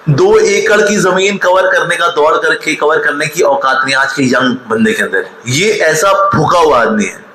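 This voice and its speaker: Sharp in tone and a little high, this man's voice moves at a normal pace with few pauses. He's in his forties, mocking and scolding his audience as he alternates stories with rebukes, and acts out quotes in an energetic motivational speech recorded in an echoing hall with faint ambience.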